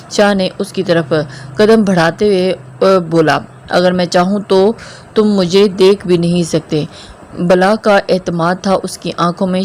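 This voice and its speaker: A woman's voice: lowish voice, darkish tone, a little hiss or hum. Woman reading a romance novel aloud. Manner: reads dialogue of all characters in her own voice, with small slips and fillers. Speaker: narrator.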